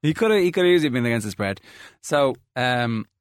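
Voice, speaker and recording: A man hosting a casual sports podcast, wry and brisk, now and then slipping into mocking voices. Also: medium pitch, expressive, clear, resonant tone, no room sound, clean studio sound. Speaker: podcast host.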